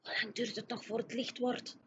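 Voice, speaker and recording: A woman voicing a cautious little girl who whispers softly and urgently, in a storybook reading. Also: on the low side, normal speed, a little hiss or hum, lightly acted. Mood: whispering. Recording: dull lo-fi recording.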